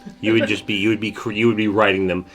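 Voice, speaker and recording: Low, bright-voiced male game master. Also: little pitch movement, quick pace, soft background music. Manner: loose, rambling narration with fillers. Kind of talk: narrating a tabletop game.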